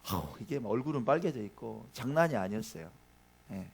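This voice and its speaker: A man's voice: medium pitch, fairly quick, vocal fry, slightly rough. A man preaching a conversational Sunday sermon as a pastor in a church, asking the congregation questions and telling personal stories. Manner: chatty, addresses the congregation directly with questions; tells personal anecdotes in a lively, informal way. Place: church sanctuary.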